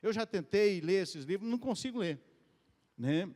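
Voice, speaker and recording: Lively preacher in a reverberant church. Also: male voice, normal speed. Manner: conversational, addresses the congregation as "queridos" and "gente"; lively, often rises in pitch and speeds up. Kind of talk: sermon. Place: church hall. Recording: long hall reverb.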